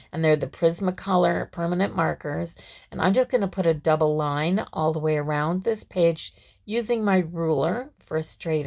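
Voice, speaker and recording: A craft vlogger with a low, gravelly woman's voice gives a casual step-by-step tutorial. Her voice is scratchy and hoarse, and she's chatty, with frequent fillers and restarts.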